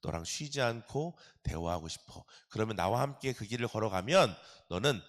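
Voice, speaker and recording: A man voicing the Lord as a gentle, tender presence speaking softly and intimately to a believer. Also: on the low side, lively intonation, moderate pace, voice pushed down, lightly acted. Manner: soft, intimate, pleading.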